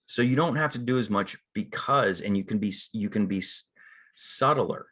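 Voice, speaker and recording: In a husky, lowish voice that's pushed and bright, a middle-aged man speaks at a moderate pace about acting for the screen. He's an acting coach giving a casual, conversational teaching talk, acting out the inner thoughts he quotes.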